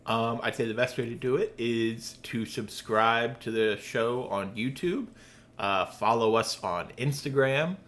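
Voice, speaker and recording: A man's voice: mid-range voice, unhurried, fairly bright tone. A man co-hosting a casual podcast, telling stories with frequent laughs and casual swearing. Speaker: podcast co-host. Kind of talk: casual chat.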